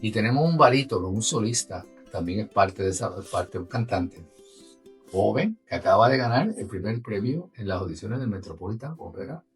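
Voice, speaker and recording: A man's voice: fairly low pitch, big pitch swings, normal speed, distant mic, soft background music. A man with a Puerto Rican Spanish accent talks conversationally as an interview guest, explaining with animation and checking in with his listener. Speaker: orchestra musician and guest.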